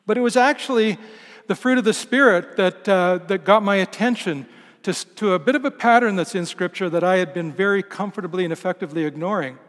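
Higher-voiced male preacher in reverberant church. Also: a little fast, fairly bright tone. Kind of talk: reflective sermon. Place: large church.

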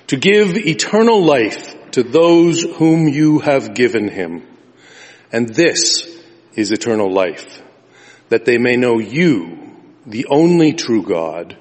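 A male pastor leading a liturgy and reading the gospel in a slow, solemn, drawn-out manner, with cathedral echo. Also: medium pitch. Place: large church sanctuary. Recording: long reverb of a large church.

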